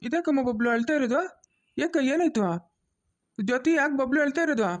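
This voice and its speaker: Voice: sits high, fairly quick, close to an everyday voice. A cartoon voice of a stern, protective middle-aged village father, lecturing bluntly.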